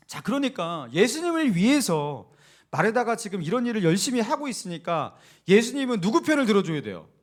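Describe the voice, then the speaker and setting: Pastor, male, higher voice and lively pitch swings, preaching with storyteller energy and questions to the room. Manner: animated storytelling, acting out quotes and asking the congregation questions. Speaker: senior pastor. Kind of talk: sermon. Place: church sanctuary.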